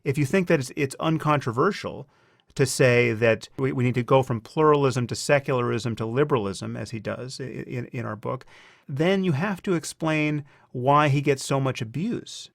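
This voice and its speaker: Gravelly podcast host pushing back. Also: male voice, medium pitch, moderate pace, no echo, studio quality. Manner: interrupting, pushing back, repeats words. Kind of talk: debate-style interview.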